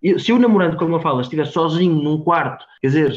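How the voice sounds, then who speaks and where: A man's voice: fairly high pitch, quick pace. A man with a European Portuguese accent gives a storytelling talk at a conference, repeating words and often tagging lines with a questioning "right?". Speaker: speaker at a conference. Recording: dull lo-fi conference recording.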